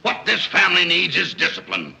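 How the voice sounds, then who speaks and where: Exasperated, forceful screwball comedy father. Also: high-pitched, huge pitch swings, fairly quick, vocal fry, full character voice, rough recording. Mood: blustering. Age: middle-aged. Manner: blustering, sardonic. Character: exasperated, blustering wealthy family father. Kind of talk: 1930s screwball comedy film banter.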